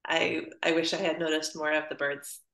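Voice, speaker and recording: A woman's voice: sits low, flat delivery, moderate pace, gravelly, fairly bright tone. A woman from Illinois asking a speaker questions, talking politely and hesitantly with many fillers. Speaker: audience member asking questions. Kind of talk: casual conversation. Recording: roomy echo.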